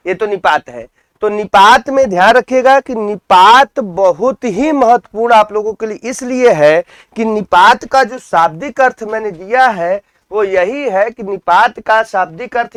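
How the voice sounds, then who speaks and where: A man's voice: high voice, a bit bright, no room sound. A man teaching an exam-prep grammar lesson, repeating key terms and asking his students questions that he answers himself.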